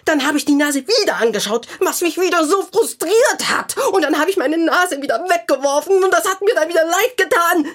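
A woman's voice: extremely high pitch, lively intonation, fairly quick, few pauses, fairly bright tone. An actress playing a grumpy, gloomy female clown in a children's radio play, talking in a sulky, self-pitying way. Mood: glum.

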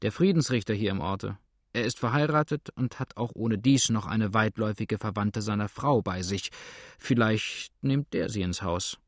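A man voicing a calm, shrewd innkeeper who speaks in a dry, matter-of-fact way. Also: on the low side, moderate pace, dry recording. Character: calm, shrewd male innkeeper, dryly indifferent.

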